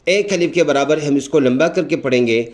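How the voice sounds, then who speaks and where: A man's voice: on the high side, a little mellow. Man teaching letters, stretching each sound. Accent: Pakistani Urdu. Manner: slow explanatory teaching, drawn-out demonstration of letter sounds. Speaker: Quran teacher. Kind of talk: teaching letter pronunciation to beginners.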